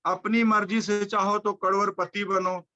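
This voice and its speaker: A man giving a fervent, high-energy motivational speech, repeating phrases in a driving rhythm. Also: flat delivery, measured pace, bright, forceful tone, highs cut off. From India. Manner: fervent, repetitive chanting phrases. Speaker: motivational speaker.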